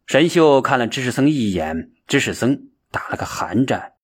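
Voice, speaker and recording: A man narrating a story in a calm, measured storytelling style. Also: mid-range voice, slightly rough.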